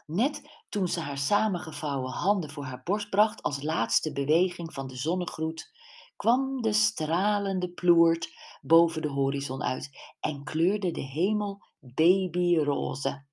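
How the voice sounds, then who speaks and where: A woman narrating a mystery audiobook in a steady, measured reading voice. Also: sits low, breathy edge.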